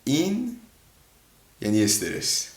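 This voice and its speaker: A man's voice: medium pitch, wildly swooping pitch, echoey room. Joking man hosting a reaction video. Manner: joking, mock-lecturing asides. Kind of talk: casual comic commentary.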